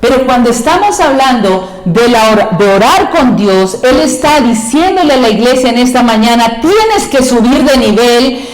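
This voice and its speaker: A woman's voice: on the high side, animated, normal speed, hardly any pauses, echoey room, rough recording. A woman preaching a sermon in a church, impassioned, acting out quoted pleas in a raised voice.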